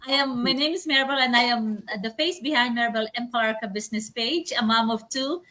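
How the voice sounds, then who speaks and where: A woman's voice: a little high, brisk. A woman from the Philippines co-hosting a talk show, chatty and laughing easily. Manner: giggly, lively, chatty. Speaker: co-host.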